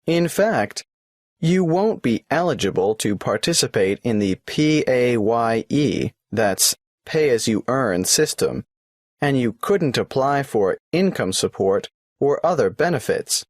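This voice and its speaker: In a scripted exam dialogue, a man plays a polite adult government clerk at the tax office, patiently asking the application's form questions in a businesslike, matter-of-fact way. His medium-pitched voice is animated and a little slow, recorded clean in a studio with no room sound.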